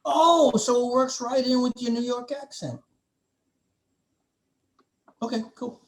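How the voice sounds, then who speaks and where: A man's voice: very high-pitched, slow. A man hosting a music reaction video, chatting casually and joking with his co-host. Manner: joking, animated banter.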